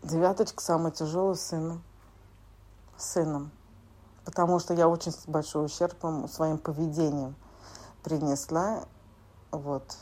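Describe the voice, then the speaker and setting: Woman, 40s, group member sharing; mellow, dark tone, halting delivery. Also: low voice, steady tone. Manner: halting, plain speech with many filler words. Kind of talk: sharing at a recovery group meeting.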